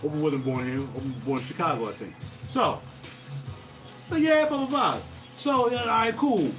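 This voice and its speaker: At a normal speed and in an animated, slightly high voice, a Philly musician hosts a livestream full of loose stories. He keeps drifting, losing his place, and chatting right at his viewers. The mic sits at a distance, with music in the background.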